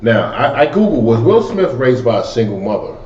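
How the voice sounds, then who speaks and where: A man's voice: mid-range voice, sing-song, a little fast. A man co-hosting a casual podcast, rambling with restarts and casual swearing. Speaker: podcast co-host. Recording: echoey room, distant dull mic, faint hum.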